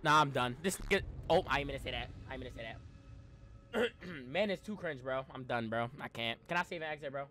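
A young adult man live-streams a horror game, reacting and talking to chat in casual slang and repeating himself in exasperated pleas. His mid-range voice is animated, brisk, bright, and forceful, yet strained as if he's losing it, and he clears his throat often. A little hiss or hum is audible.

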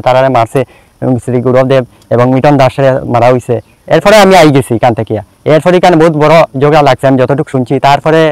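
A man's voice: medium pitch, darkish tone, clear, resonant tone, dry recording, rough recording. A man, a local resident, giving a formal statement to camera that turns into plain storytelling.

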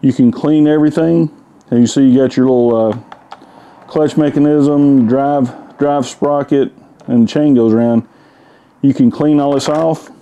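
A man in his fifties talks through a tool in his home garage, his voice mellow and warm. He rambles in an easygoing, folksy way, pausing on fillers as he goes. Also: medium pitch, fairly even intonation. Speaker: tool reviewer. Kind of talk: casual product review. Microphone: camera-mounted mic.

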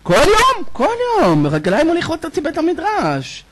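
A man's voice: very high voice, animated, fairly bright tone. A man acting out a frightened dead man before a heavenly court, who brags and then panics. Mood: boastful. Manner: bragging, then panicky and whiny. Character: frightened dead man, boastful former yeshiva student.

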